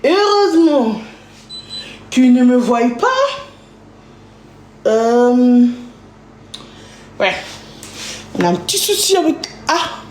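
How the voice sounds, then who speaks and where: A woman's voice: fairly high pitch, sing-song, takes it slowly, pauses often, a little mellow, recorded from a distance. A woman chatting casually on a live stream from her home kitchen, playful and chatty, often singing to herself. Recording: echoey room with background noise.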